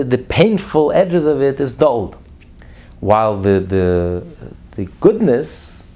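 A man preaching a sermon as a rabbi, emphatic, swinging between loud declarations and hushed asides. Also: mid-range voice, gravelly.

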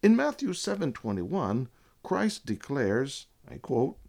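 Gravelly emphatic male preacher, slow and lively. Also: medium pitch. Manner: emphatic, quotes scripture with citations. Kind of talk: sermon.

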